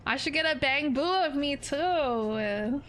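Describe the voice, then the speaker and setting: High-pitched playful woman streamer. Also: expressive, slow pace, fairly bright tone, a little hiss or hum. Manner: playful and giggly, chatting to viewers. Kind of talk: casual gameplay commentary.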